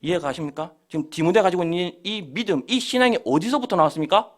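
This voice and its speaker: A man's voice: high-pitched, expressive, fast talker. A male pastor giving a sermon, acting out quoted prayers and boasts as he preaches.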